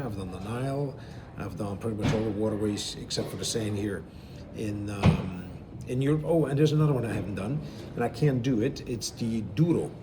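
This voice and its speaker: A middle-aged man from Belgium, a cruise director, answering interview questions in a relaxed, explanatory way with frequent fillers. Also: medium pitch, heavy background noise. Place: aboard a river cruise ship.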